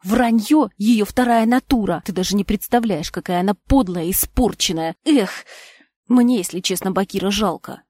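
A woman voicing a defensive, hot-tempered young man in a storybook reading, speaking in quick, blunt replies. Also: mid-range voice, mellow, no echo, clean studio sound, close to an everyday voice. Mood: indignant.

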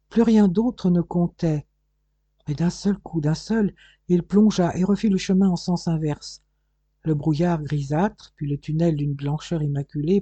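A man narrating a novel in a measured storytelling manner. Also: on the high side, mellow, slightly rough, no echo. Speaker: audiobook narrator. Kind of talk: scripted narration.

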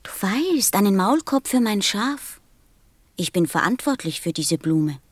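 The gentle little prince, closely recorded. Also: female voice, medium pitch, big pitch swings, a little slow, dry recording. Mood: earnest, frank. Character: gentle, serious little boy prince from another planet. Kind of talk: audio drama acting.

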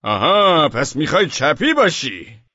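Guy doing a mean yelling cop, high and loud, kinda husky, dull old recording. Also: very animated, no room sound, heavily acted. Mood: taunting. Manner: barking, interrogating. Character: brutal shouting male police officer.

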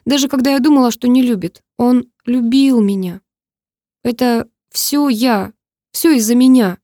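A woman's voice: on the high side, unhurried, dark tone, dry recording, clean studio sound, voice pushed up, lightly acted. A woman voicing a tearful teenage girl pleading with her parents, in a novel reading.

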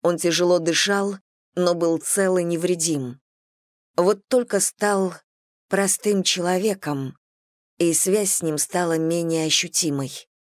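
Woman narrating, low and dry. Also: steady tone, a little slow, dry recording. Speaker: audiobook narrator. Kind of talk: scripted narration.

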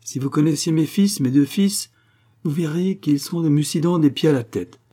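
A man reading as a pompous middle-aged count who speechifies, pleased with the sound of his own words. The voice is dark and husky, a little raised, and rolls out grand phrases. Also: a little high, normal speed, pitched above the performer's own voice, lightly acted. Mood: patronizing. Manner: grandiloquent, lecturing, full of himself.

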